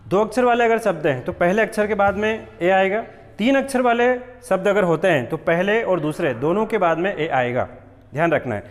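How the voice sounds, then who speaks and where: A male English teacher with a high-sitting voice gives a patient, step-by-step classroom-style spelling lesson in a big-sounding room. He repeats words and checks that students are following.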